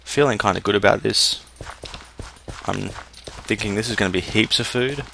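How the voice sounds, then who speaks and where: A man's voice: lowish voice, normal speed, vocal fry, sharp tone, slight background noise. A young man giving casual let's-play commentary, muttering and thinking aloud as he plays. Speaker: gameplay commentator.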